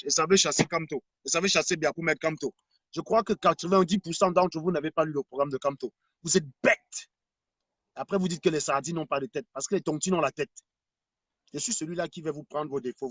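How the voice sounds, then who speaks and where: A man's voice: on the high side, fairly bright tone, no echo. A man ranting to his viewers on a live stream, mocking and repeating his points for emphasis. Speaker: online commentator.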